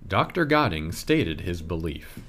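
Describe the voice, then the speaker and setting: A man reading a scripted audio tour narration in a measured, expressive way. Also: sits low.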